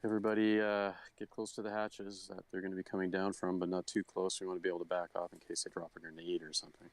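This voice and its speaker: A man's voice: low voice, level tone, fast talker, dry recording. A man playing a tabletop game, laying out plans casually with many fillers. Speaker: player.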